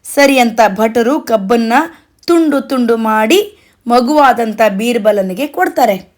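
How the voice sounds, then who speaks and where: Slow-paced woman telling a bedtime story. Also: a little high, expressive. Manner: chatty, addresses listeners directly. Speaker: children's storyteller.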